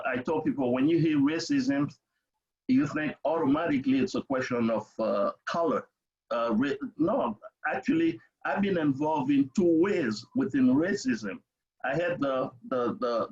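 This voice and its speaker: An older Haitian man with a Haitian accent and a fairly high, slightly mellow voice appears as an interview guest and parent advocate on a remote webinar call. He gives conversational personal testimony emphatically, repeating himself and checking in with "okay?" as he goes. The video call audio is dull and lo-fi.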